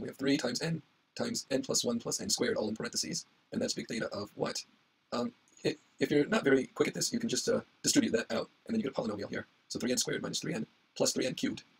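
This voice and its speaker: A man giving an informal tutorial as an instructor, with a husky, strained voice that is giving out. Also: mid-range voice, poor audio. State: losing his voice, hoarse. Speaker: instructor explaining algorithm analysis.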